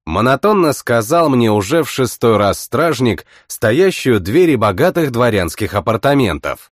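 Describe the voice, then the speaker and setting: A man reading a first-person fantasy audiobook in an expressive way, playing every character himself. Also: medium pitch, moderate pace, dry recording, studio quality. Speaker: audiobook narrator.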